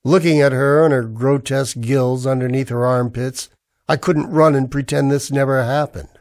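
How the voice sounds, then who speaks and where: Grim and reflective, a man recounts his own noir sci-fi ordeal as a tense, defiant character in hard-boiled, urgent 1940s radio drama fashion. His medium-pitched voice is a little mellow and near his everyday sound, with fairly even intonation at a normal pace.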